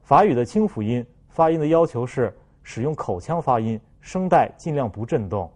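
A man teaching French pronunciation, explaining slowly and then loudly modeling each sound for students to repeat. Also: mid-range voice, sing-song. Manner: slow, careful explanations, then loud drawn-out example sounds.

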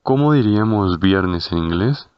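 A man with a very low voice narrates a scripted language lesson at a slow, deliberate pace. He repeats each word carefully. The recording is dry and a bit dull and lo-fi. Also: expressive, smooth, no echo. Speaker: language teacher.

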